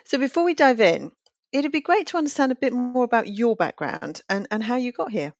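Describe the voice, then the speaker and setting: A woman's voice: on the high side, sing-song, fairly quick, no echo, highs cut off. A woman hosting a webinar, reading a scripted introduction and asking friendly, upbeat questions. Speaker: webinar host.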